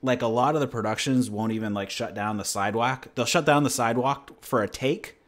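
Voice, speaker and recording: Speaking at a fairly quick clip with a medium-pitched voice, this New Hampshire man hosts his own channel. The livestream is a casual chat and Q&A, and his storytelling rambles in a relaxed, easygoing manner.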